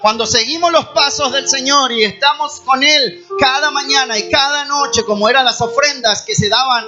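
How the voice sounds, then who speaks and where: A man's voice: extremely high pitch, normal speed, sharp tone, dull audio. A man preaching a sermon as pastor, questioning his listeners with passion. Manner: impassioned preaching with rhetorical questions.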